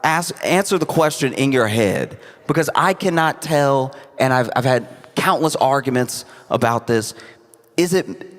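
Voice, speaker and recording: A man telling stand-up comedy stories to a live audience in a conversational way, often repeating phrases haltingly for emphasis. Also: medium pitch, expressive, fairly bright tone. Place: live venue on stage. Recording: echoey hall with audience noise.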